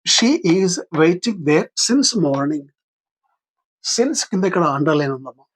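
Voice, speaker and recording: An older man with a Telugu accent, his voice a little husky and pitched somewhat high. He teaches English grammar for an exam, patiently putting questions to his listeners and then answering them himself. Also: animated, slow. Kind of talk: exam-practice lesson.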